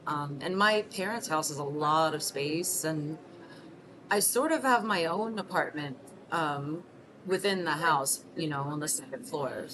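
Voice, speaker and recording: This scripted short-film monologue features a deep-voiced woman in her thirties from Mexico City playing a 38-year-old single mother who is soft-spoken and self-conscious. She answers off-screen questions hesitantly, with many ums and restarts, and background hiss is clearly audible.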